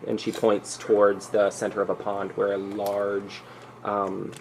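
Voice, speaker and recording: A man narrates a tabletop fantasy game as its game master. His voice sits fairly low and his delivery is casual and improvised, with faint background noise. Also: monotone, a little slow, gravelly.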